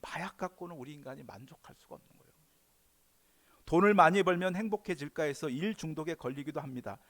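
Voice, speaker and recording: A male pastor preaching a sermon in an animated way, swinging between loud emphatic bursts and quiet asides. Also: fairly high pitch, quick pace.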